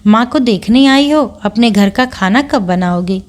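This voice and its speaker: A woman's voice: fairly high pitch, lively intonation, a little slow, darkish tone. Reserved young Shekhar, read by a woman narrator. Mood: teasing. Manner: short, offhand replies. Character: young educated man, calm and reserved son.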